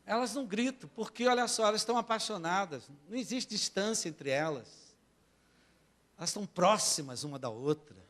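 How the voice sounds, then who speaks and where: A Brazilian pastor preaches in church with a high, animated voice at a slightly quick pace. He keeps prompting the congregation to say amen, shifting back and forth between quiet and loud.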